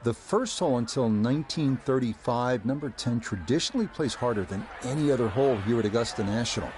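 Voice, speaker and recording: A man playing a composed golf commentator, with measured, scripted broadcast delivery and folksy asides, in a video game. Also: mid-range voice, a little mellow, lightly acted. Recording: crowd ambience and clear background noise. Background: golf crowd ambience.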